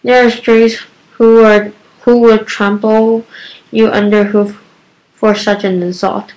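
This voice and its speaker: A woman voicing a nervy, touchy young male satyr in a storybook read-aloud, reading in a hurried way that stumbles over words. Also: medium pitch, little pitch movement, darkish tone, lightly acted, poor audio.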